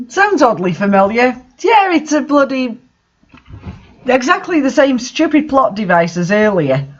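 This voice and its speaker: Someone reads fan fiction aloud and comments on it casually, sounding exasperated and incredulous and swearing freely. The voice sits high and is very animated but unhurried, captured through a dull, lo-fi microphone.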